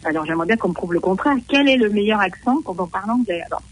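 A middle-aged Frenchwoman chatting in a loose, hesitant way, full of fillers and restarts. Her voice is husky and a little breathy, and she sits at a middle pitch. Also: animated, fast, rough recording. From France. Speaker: French woman living in New Zealand. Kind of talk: casual conversation.

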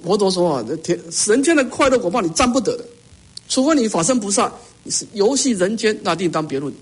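High-pitched husky man giving a dharma talk. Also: lively intonation, quick pace. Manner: earnest, rhetorical questions, repeats words when emphasizing. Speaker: Buddhist teacher. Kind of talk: dharma lecture.

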